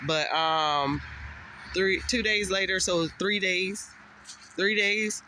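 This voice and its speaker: A woman's voice: mid-range voice, steady tone, slow, bright, forceful tone, a little hiss or hum. A woman with a congested voice, talking casually to camera in a rambling, exasperated family vlog, outdoors. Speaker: family vlogger.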